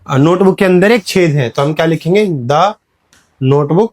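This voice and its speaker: A fairly high-voiced man teaching a Hindi-speaking class about English words. He keeps asking the students questions and checking that they follow. He drops into slow, careful English for the example sentences. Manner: calls students "beta", repeats "clear hai?". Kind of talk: classroom lecture.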